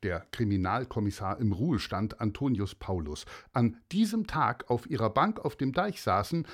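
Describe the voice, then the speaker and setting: A man narrating a children's story, speaking directly to young listeners in a friendly way. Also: medium pitch.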